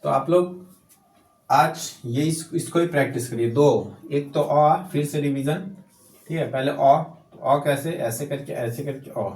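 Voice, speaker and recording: A man's voice: on the high side, measured pace, darkish tone. Male Hindi tutor, patient and repetitive, walking students through each letter step by step, roomy echoey sound. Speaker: Hindi teacher. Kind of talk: casual handwriting lesson. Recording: echoey room.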